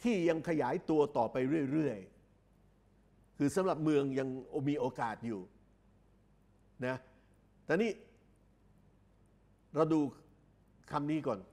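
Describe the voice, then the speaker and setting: Male tutor, fairly high voice, slow and repetitive explainer. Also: lively intonation, gravelly, darkish tone. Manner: explains slowly and repeats phrases, drawing out English words. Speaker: English exam tutor. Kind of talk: recorded lecture.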